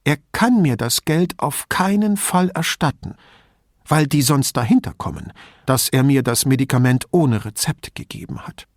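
A man voicing a frail, chatty old widow who rambles and confides in a hushed tone. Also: lively intonation, normal speed, no room sound, clean studio sound, lightly acted. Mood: confiding. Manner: rambling, confidential, lowers voice to a whisper.

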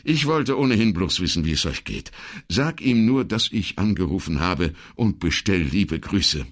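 A man voicing a middle-aged police commissioner who speaks in a hurried, uneasy and halting way. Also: low voice, lively intonation. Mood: tense.

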